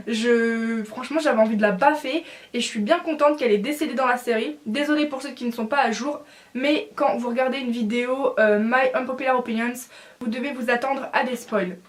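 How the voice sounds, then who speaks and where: A woman's voice: a little high, fairly quick. A young woman in a casual opinion vlog, talking bluntly and with feeling, with many fillers. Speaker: vlogger.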